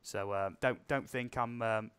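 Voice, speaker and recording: A man's voice: fairly low pitch, fairly even intonation, measured pace, fairly bright tone, clear, resonant tone. Chatty British male stream host. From United Kingdom. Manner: chatty, laughs often. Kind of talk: casual chat.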